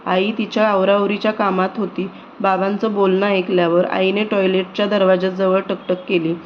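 Female narrator for a children's story, steady and unvaried, muffled low-fi recording. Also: normal speed. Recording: dull lo-fi recording with faint noise.

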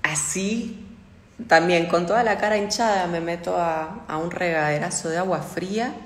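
A woman's voice: fairly low pitch, normal speed. A young adult woman hosting a casual phone livestream, reading out viewer comments and answering them candidly, with frequent swearing. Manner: chatty and candid, swears often. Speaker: livestream host. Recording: echoey room with long reverb.

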